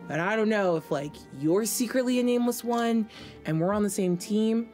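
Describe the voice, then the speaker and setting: A woman's voice: mid-range voice, moderate pace, a little mellow, faint music behind. A middle-aged woman narrating a tabletop role-playing game as the game master in an indoor studio. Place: indoor studio set dressed as a tavern.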